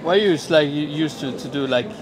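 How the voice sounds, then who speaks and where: A man from Iraq, his voice a touch high. He speaks haltingly and repeats words as he pleads his point outdoors. Crowd chatter carries behind him. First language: Arabic. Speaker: passer-by in a debate. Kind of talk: heated street debate. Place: outdoor park plaza.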